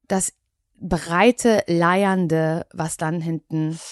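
A woman's voice: on the low side, steady tone, extremely slow, no echo, clean studio sound. A woman from Mecklenburg with a light Mecklenburg accent, chatting casually on a podcast, laughing easily and restarting her sentences. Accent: Mecklenburg German. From Mecklenburg, Germany. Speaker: podcast co-host. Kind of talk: casual chat.

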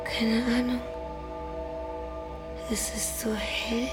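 An actress playing a wounded, dying woman who talks weakly and slowly in fading whispers, in a radio drama with music behind. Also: a little high, steady tone. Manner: slow, whispery, tender. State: weak, fading, breathless.

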